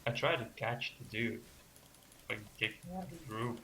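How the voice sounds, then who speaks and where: A man in relaxed gaming chat who teases his co-host and agrees easily. His voice sits at mid pitch over a clear layer of background noise. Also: normal speed.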